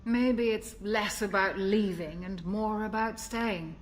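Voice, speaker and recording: An actress playing a calm, wry older female military ship's doctor in a video game, speaking in a gentle, reflective way. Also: mid-range voice, close to an everyday voice. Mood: wistful. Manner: gentle, reflective, measured delivery. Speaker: game character.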